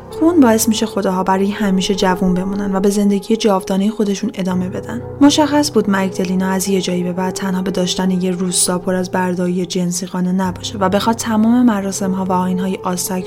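A woman telling a true-crime story in a steady, dramatic narration. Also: mid-range voice.

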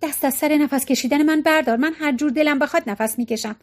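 A woman's voice: sits high, voice pushed up, natural voice. A snappish, whiny young mother-to-be, read by a woman. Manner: irritable, whiny.

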